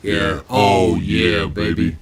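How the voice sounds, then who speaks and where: A man talking through a deep pitch-shifted voice changer during playful livestream chat, crooning and tacking "baby" onto his lines. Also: little pitch movement, takes it slowly, over a noisy crowd. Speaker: livestream co-host.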